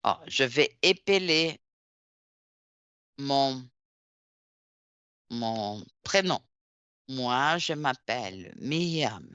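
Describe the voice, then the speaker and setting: Very slow, deliberate woman teacher. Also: very deep voice, lively intonation, a bit bright, smooth, no echo, highs cut off. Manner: deliberate, spells words out letter by letter. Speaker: language teacher. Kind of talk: online class instruction.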